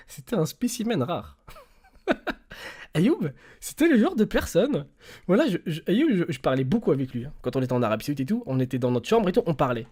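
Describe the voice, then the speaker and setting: Young male streamer, slangy and animated, voice leaping up and down as he tells stories. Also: fairly high pitch, moderate pace, slightly rough. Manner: animated storyteller, slangy, swings between loud bursts and quiet mumbling. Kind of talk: casual livestream chat.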